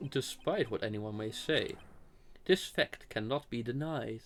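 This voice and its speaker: A man voicing a composed, stern prosecutor from a video game, speaking in a formal, measured and resolute way. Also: medium pitch, close to an everyday voice. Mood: grave. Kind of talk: amateur voice-acting of video game dialogue.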